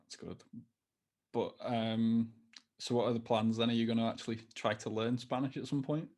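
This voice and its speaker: A man's voice: mid-range voice, level tone, moderate pace, a little mellow. Laid-back man hosting a podcast. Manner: laid-back, jokey questions. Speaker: podcast host. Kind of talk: casual interview.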